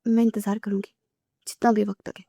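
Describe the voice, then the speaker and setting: A woman's voice: mid-range voice, flat delivery, gravelly, mellow, no room sound, clean studio sound. A woman reading as a tearful pleading young woman. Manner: pleading, voice breaking.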